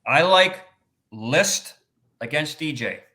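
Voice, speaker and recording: A man's voice: on the high side, animated, takes it slowly, sharp tone. A man from Canada with a Canadian accent, a sports researcher chatting enthusiastically on a betting panel. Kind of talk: casual panel chat.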